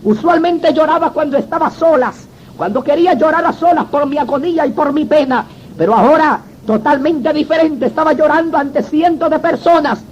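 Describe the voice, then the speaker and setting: Man, very high voice, religious testimony, dramatic storytelling, dull lo-fi recording with faint hiss. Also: brisk. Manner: dramatic storytelling, addresses the listener as brother. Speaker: former gang member giving a testimony.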